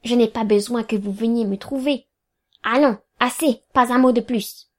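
A woman voicing a stern, curt middle-aged male lawyer who barks clipped rebukes in a raised, higher voice. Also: moderate pace, natural voice. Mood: severe. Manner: clipped, commanding, sharp rebukes.

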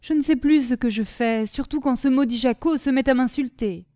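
A woman's voice: high-pitched, moderate pace, dark tone, dry recording, studio quality, lightly acted. A woman doing Gribouille, a naive young servant. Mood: naive, earnest. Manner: naive, eager, rambling. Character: simple-minded, earnest young male servant.

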